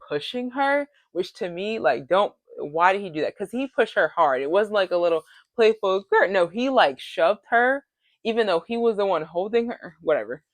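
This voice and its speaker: Woman vlogger, lowish pitch, dry close sound, chatty and animated recap delivery. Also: no echo. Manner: chatty retelling, full of "like" and quoted dialogue. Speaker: reality show recap vlogger. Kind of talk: casual recap vlog.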